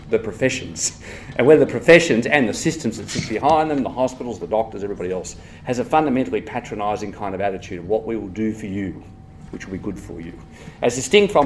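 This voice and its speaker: A man's voice: mid-range voice, darkish tone, slight background noise. An Australian man giving a live conference talk, emphatic and digressive, breaking into asides as he goes. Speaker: conference speaker on health policy.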